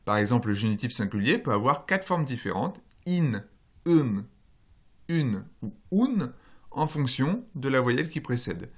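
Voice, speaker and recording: A man's voice: mid-range voice, sing-song, unhurried. A man giving a recorded university lecture, explaining slides one step at a time, with frequent "euh" fillers, self-corrections and questions he then answers himself. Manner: explanatory, walks through slides and tables step by step; poses and answers his own questions. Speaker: phonology lecturer.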